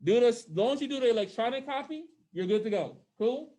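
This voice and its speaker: A man's voice: extremely high pitch, expressive, fast talker, mellow. A man teaches a class through a face mask, slightly muffled, speaking informally and often checking that everyone follows. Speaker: high school social studies teacher. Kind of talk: classroom teaching to in-person and online students.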